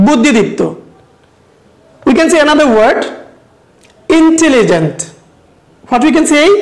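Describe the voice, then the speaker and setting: A woman teacher with a Bangladeshi accent, leading a recorded English lesson for children, repeating each word slowly and switching between English and Bengali. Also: high voice, roomy sound, low-quality recording. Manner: slow, repeats words, mixes English and Bengali. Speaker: primary school English teacher.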